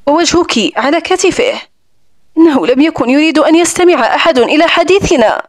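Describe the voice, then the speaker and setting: Reading the part of a stern, sarcastic rich man who owns an island estate, a woman speaks coldly and mockingly. Her voice is high, expressive, and brisk, captured in a dry recording.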